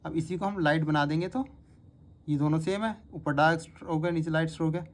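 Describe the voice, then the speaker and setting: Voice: medium pitch, fairly even intonation, a little fast. Patient steno teacher drilling words aloud. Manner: patient, repeats each word several times. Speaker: shorthand teacher. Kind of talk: step-by-step spoken lesson. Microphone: phone.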